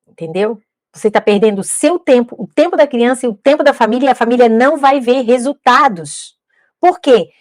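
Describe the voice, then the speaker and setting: A woman in middle age with a high, bright-pitched voice lectures teachers. She is emphatic, circling back to key points and throwing out rhetorical questions. The sound is close and dry, with no room around it. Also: dry recording. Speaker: educator teaching literacy teachers. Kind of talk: instructional talk to camera.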